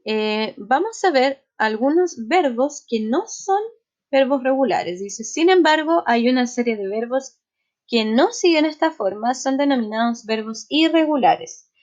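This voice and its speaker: A woman teacher walks through a grammar lesson at an unhurried pace, checking in with a quick question after each point. Her voice sits a little high. The recording sounds slightly dull and lo-fi. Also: animated, a little mellow. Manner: explains step by step, often checks with "¿ya?". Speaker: English teacher.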